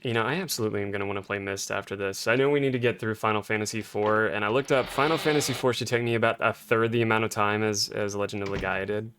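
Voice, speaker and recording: A man's voice: fairly low pitch, fairly even intonation, fast talker, hardly any pauses, a bit bright, slight background noise. A man streaming a game with casual live chat, in a playful, jokey manner.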